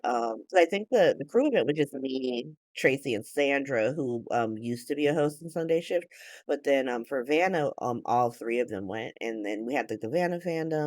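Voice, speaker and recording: A woman's voice: low-pitched, dry recording. Tired thirtysomething woman rambling on a podcast, swears a lot, laughs, dry close sound. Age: 30s. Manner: animated, swears, laughs often, rambling asides. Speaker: podcast host. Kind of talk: casual chat recap.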